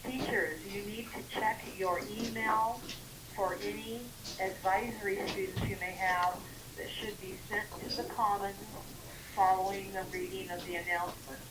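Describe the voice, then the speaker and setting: A woman's voice: medium pitch, steady tone, normal speed. A woman from the school staff reads a formal announcement over the school intercom, repeating her instructions. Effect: school intercom loudspeaker. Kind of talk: public address announcement. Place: classroom, heard over intercom speaker. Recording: distant loudspeaker with crowd noise.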